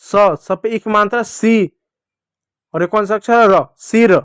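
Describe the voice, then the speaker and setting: A male teacher gives small children a slow, patient Hindi alphabet lesson, sounding out each letter and repeating it. His voice is high for a man, smooth and clear, recorded close and dry with no room sound or echo.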